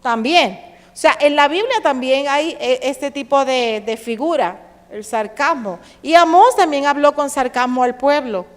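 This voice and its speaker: A woman's voice: sits high, unhurried. A woman pastor with a Caribbean Spanish accent preaching a sermon, asking her congregation questions and slipping into sarcastic quoted voices. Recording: long hall reverb.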